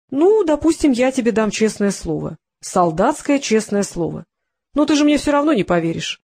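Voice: mid-range voice, very animated, moderate pace, creaky, darkish tone. Reader doing a sneering male bomber. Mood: mocking. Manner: sneering, taunting. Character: menacing male bomber, taunting and mocking.

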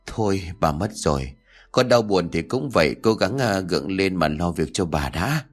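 A relative who speaks softly and soothingly to a grieving woman, in a male narrator's voice. The tone is quiet and gentle. It is a short part of a spoken ghost story. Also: low-pitched, expressive, moderate pace, voice pushed down. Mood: consoling. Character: consoling family relative at a funeral.

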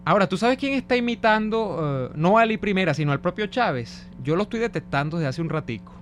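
A man's voice: sits high, expressive, fast talker, a bit bright, soft background music. A man with a Venezuelan accent co-hosting a radio show, reading listener messages and musing on politics. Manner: musing, discursive political commentary. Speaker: radio co-host.

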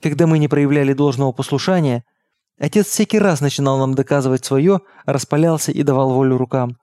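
A man reading an audiobook in steady, measured narration. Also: mid-range voice, no echo, clean studio sound. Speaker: audiobook reader. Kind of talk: scripted narration.

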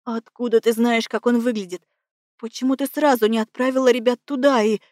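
A woman's voice: fairly high pitch, steady tone, fairly quick, a little mellow, no echo, studio quality, close to an everyday voice. A woman voicing a wounded, frightened young man who protests anxiously. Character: wounded, frightened young male portal mage.

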